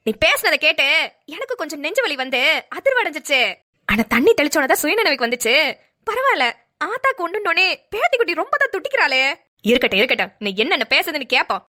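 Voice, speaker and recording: A woman's voice: high-pitched, very animated, quick pace, sharp tone, heavily acted. A woman voicing a mischievous elderly grandmother in a cartoon, teasing and rustic in manner. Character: mischievous elderly grandmother who fakes fainting. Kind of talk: cartoon voice acting.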